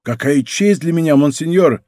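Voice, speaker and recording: Man reading a servile castle warden, polite, eager, slightly high, dry close sound. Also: moderate pace, a little mellow, no echo, natural voice. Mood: deferential.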